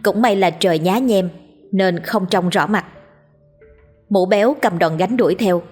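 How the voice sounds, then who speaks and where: A woman narrating a scripted audiobook story in a lively comic way. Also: medium pitch, a little slow, husky, faint music behind.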